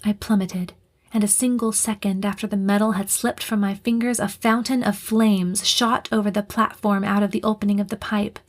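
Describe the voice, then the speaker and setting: A woman reading a first-person audiobook, her narration tense and breathy, often dropping into a half-whisper. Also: mid-range voice, flat delivery, normal speed.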